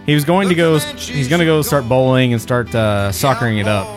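A man's voice: medium pitch, fairly even intonation, fairly quick, over music. A man hosting a podcast in an informal, rambling chat style. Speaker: podcast host. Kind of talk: casual chat.

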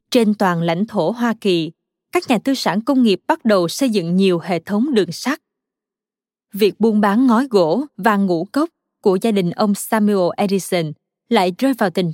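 A woman narrating a children's biography story in a calm, even storytelling manner. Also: medium pitch, no echo, clean studio sound.

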